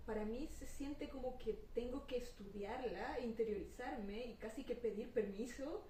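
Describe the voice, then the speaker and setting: A woman from Bolivia, a writer on a panel, speaking thoughtfully and reflectively with halting restarts. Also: a little high, mellow, a little hiss or hum. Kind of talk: reflective personal discussion. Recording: roomy echo, distant mic, faint ambience.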